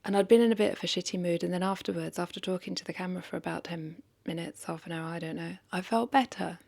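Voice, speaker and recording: Talking to the camera with a lowish, darkish voice and lots of vocal fry, a vlogger speaks casually and confessionally at a quick pace. She sounds hesitant and reflective, circling back over her own phrases as she questions herself.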